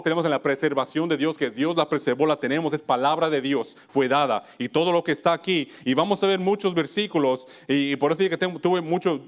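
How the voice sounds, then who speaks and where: A man from Wisconsin preaching a church sermon, earnest, often stopping to restart and correct himself mid-phrase. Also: a little high. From United States (Wisconsin).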